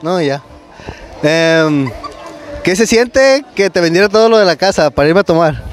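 A man's voice: high voice, lively intonation, normal speed, slight background noise. A young man with a Mexican Spanish accent, a contestant at an outdoor market, talking bluntly and casually.

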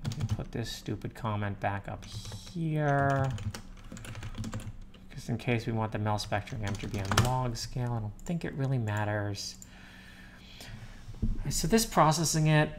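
A man's voice: mid-range voice, slight background noise. A man livestreaming himself programming, explaining code in casual commentary with rambling, muttered asides, close on a desktop microphone. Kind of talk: casual live-coding commentary. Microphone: desktop USB microphone. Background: faint keyboard typing.

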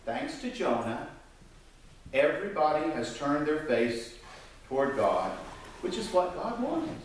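A man in his fifties preaching a sermon from a church pulpit, gesturing and swinging his voice high and low. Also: a little slow, a little hiss or hum. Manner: animated, gesturing preacher with wide swings in pitch. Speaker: pastor. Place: church sanctuary. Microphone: pulpit mic, filmed from the pews. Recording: echoey church from a distance.

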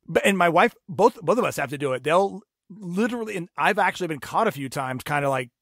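A man's voice: high-pitched, lively intonation, fast talker, a bit bright, no echo, studio quality. A man hosting a podcast, chatting casually and animatedly about his kids, acting them out as he tells stories. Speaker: podcast host. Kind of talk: casual chat.

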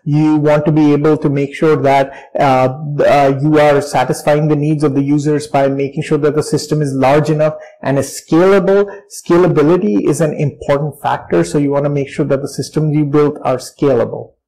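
A man in his thirties with an educated, posh Indian accent explains his profession in a measured, formal and articulate way, as in a career talk. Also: fairly high pitch, steady tone, warm tone, poor audio. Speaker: data engineer giving a career talk. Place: bright indoor room by large windows, seated.

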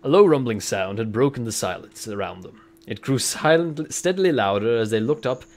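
A man's voice: lowish voice, lively intonation, brisk, darkish tone. A man reading a children's fantasy novel aloud for a comic puppet show, breaking off to joke and banter. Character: Professor McGonagall, stern older woman. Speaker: reader and puppet show performer. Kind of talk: comic read-aloud with character voices.

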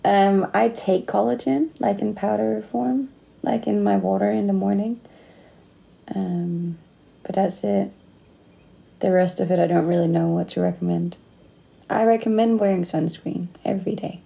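This Danish woman in her late twenties, speaking with a slight Australian accent, hosts a casual livestream, reading comments and laughing frequently in an indoor room with the phone close to her face. Her mid-range voice is steady, unhurried and mellow, with vocal fry.

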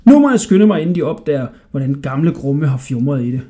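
Man voicing a cheeky teasing boy, raised pitch, lively, storybook. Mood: eager. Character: cheeky clever young boy.

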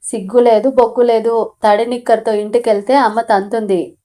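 A daring, carefree village boy talks plainly and bluntly, as a woman narrator reads his part in an audio storybook. The tone is warm and soft, pitched somewhat high. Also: level tone, moderate pace, close to an everyday voice.

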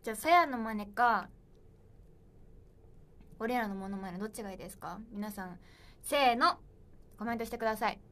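A woman's voice: on the high side, expressive, quick pace, a bit bright. A young woman in her twenties hosting a solo livestream, chatting playfully and reading viewer comments aloud. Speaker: idol livestream host. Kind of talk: casual livestream chat.

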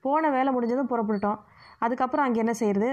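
A woman voicing a worried, scolding middle-aged mother, with sharp, fretful speech, recorded muffled and lo-fi. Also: on the high side, quick pace, lightly acted.

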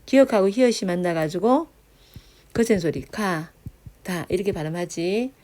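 A woman teacher explains grammar to middle schoolers in a lively, rising and falling voice. Her tone is mellow and rather low, and she keeps checking that the class follows. She stretches out example words slowly as she sounds them out. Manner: checks understanding with frequent tag questions. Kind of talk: grammar lesson lecture.

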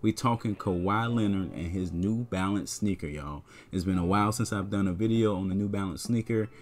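A man's voice: low-pitched, fairly quick, darkish tone. A man vlogging casually about sneakers, laid-back and chatty, often saying "man" and "you know". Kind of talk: casual talk to camera.

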